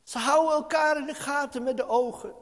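A man's voice: very high-pitched, fairly quick, fairly bright tone. Male preacher, fervent sermon, cries out to god, reverberant church hall. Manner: impassioned, crying out pleas to God; repeatedly addresses the congregation.

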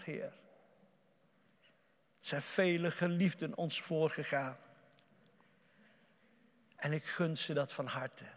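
A male preacher delivering an impassioned sermon, swinging between loud outbursts and hushed murmurs. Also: fairly high pitch, long reverb tail.

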